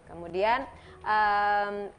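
A woman's voice: medium pitch, extremely slow, highs cut off, a little hiss or hum. A woman on a talk show confidently analyzing someone's expressions and tone. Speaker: expression-reading expert guest.

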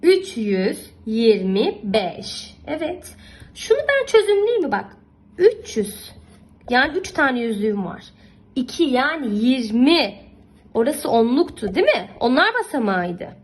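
A young woman with a high voice and big pitch swings teaches young children math at normal speed. Patient and affectionate, she encourages her pupils, often repeating points and checking their understanding, on a rough recording.

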